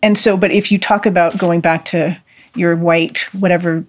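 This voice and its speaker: A podcast co-host in a casual discussion, talking fast with frequent restarts and offhand swearing. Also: mid-range voice, fairly even intonation.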